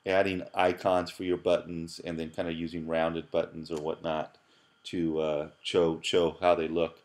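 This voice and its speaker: A deep-voiced man gives a relaxed screencast tutorial from his desk. He chats loosely, stopping to restart and repeat words as he clicks along. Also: normal speed, a little hiss or hum. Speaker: computer science professor. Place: at his computer, voice-over on screen capture.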